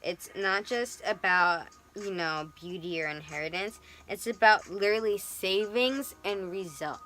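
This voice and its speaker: Bright-voiced, chatty young woman reading tarot. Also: medium pitch, a little slow, soft background music. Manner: animated, chatty, swings into playful quoted voices. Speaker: tarot reader. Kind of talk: casual tarot reading vlog.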